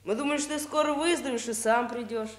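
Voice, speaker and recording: An actress playing a polite, apologetic schoolchild in a children's drama, recorded with a roomy echo. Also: female voice, on the high side, fast, lightly acted. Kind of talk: children's radio drama acting. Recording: roomy, echoing sound.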